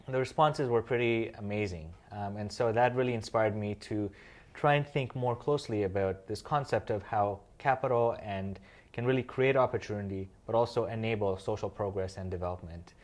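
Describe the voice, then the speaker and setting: A man in his thirties from Kenya, a guest in an interview, explaining his work in a measured way with frequent "um" fillers. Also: fairly low pitch. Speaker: interview guest, social finance founder. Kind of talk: conversational interview answers.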